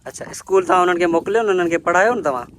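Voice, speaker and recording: A man from Sindh, Pakistan, interviews farm workers outdoors in village fields, with a slightly high voice. He asks short questions and echoes every answer back. Faint noise and animal sounds sit behind him. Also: very fast, a bit bright. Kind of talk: casual interview and talk to camera.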